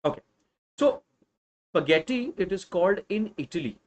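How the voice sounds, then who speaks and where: A man's voice: sits high, expressive, normal speed. A man in his thirties with a North Indian accent, giving an emphatic live revision lecture to students as an online teacher. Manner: emphatic, interjects Hindi phrases. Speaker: online social science teacher.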